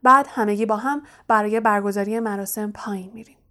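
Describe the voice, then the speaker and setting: A woman voicing a strict female school professor who speaks in a dry, brisk way in an audiobook. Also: medium pitch, steady tone, pushed and bright, close to an everyday voice. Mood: stern.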